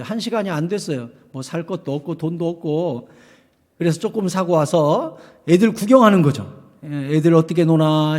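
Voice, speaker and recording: Impassioned male pastor in a reverberant church. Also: fairly high pitch. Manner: swings from hushed to shouting, acts out quoted voices. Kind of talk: sermon. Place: church sanctuary.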